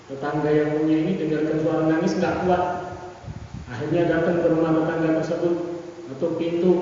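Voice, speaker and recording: A man's voice: high-pitched, mellow. A man delivering an Islamic sermon, telling stories and acting out their exchanges. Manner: storytelling, voices quoted exchanges, chants prayers. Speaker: preacher. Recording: echoey hall from far off, dull lo-fi, faint noise.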